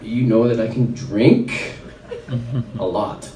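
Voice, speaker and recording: At a wellness event, this Canadian chiropractor from Red Deer, Alberta, tells a personal story in a loose, filler-heavy way. His lowish, warm voice is steady and slow. Recorded from afar, the audio sounds roomy with a little hiss or hum.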